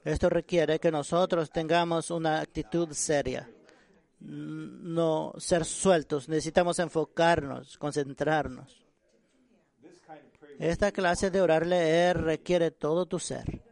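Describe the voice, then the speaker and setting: Earnest higher-voiced male preacher. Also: steady tone, creaky, a little mellow. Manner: earnest, halting, repeats and restarts words. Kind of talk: sermon on prayer.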